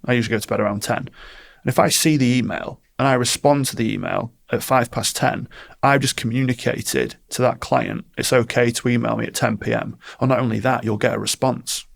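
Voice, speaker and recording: Male coach, calm and firm, gravelly voice, storytelling interview answers. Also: mid-range voice, brisk. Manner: calm, firm, explains with stories and quoted exchanges. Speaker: performance coach.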